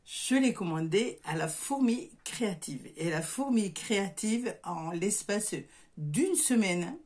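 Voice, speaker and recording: A middle-aged crafts vlogger from southern France, with a southern French accent, chats casually to camera indoors in her home craft workshop. Her mid-range voice has lively intonation and a slightly mellow tone at a slow pace, and she is hesitant, with many fillers and restarts.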